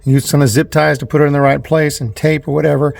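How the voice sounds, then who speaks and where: Speaking quickly with little pitch movement, a man with a high-ish, creaky voice demonstrates a DIY installation on his vlog. He moves inside and around a parked van, talking casually and repetitively, recorded handheld with noise and clicks.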